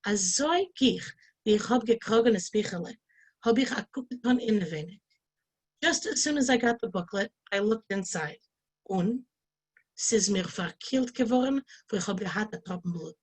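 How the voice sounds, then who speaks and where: A woman's voice: medium pitch, lively intonation, moderate pace, slightly rough. A woman, a Yiddish teacher, reading a short story aloud line by line with translations. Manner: reads each line then translates it.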